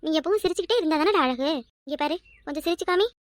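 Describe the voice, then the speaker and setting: A woman voicing a loud, fussing village grandmother and a young wife in a cartoon, with a high, wailing, scolding way of talking. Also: expressive, rapid-fire, dry recording. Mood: tender coaxing. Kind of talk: cartoon voice acting.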